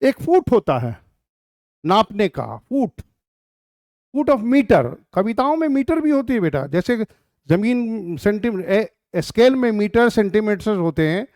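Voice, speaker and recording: A man's voice: sits high, big pitch swings, a little slow, a little mellow, dry recording, clean studio sound. A middle-aged male teacher with an Indian English accent, explaining a poem to students and patiently sounding out English words. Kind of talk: classroom poetry lesson.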